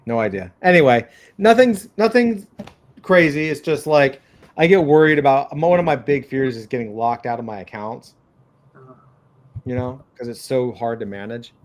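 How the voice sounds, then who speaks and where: A man's voice: medium pitch, normal speed, a little mellow. A middle-aged man chatting casually on a video call in a loose, sweary way, often trailing off mid-thought.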